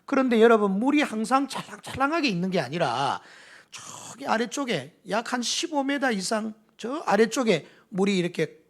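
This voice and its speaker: A middle-aged man with a Gyeongsang accent preaching a sermon, acting out dialogue in dialect. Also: sits high. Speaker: pastor.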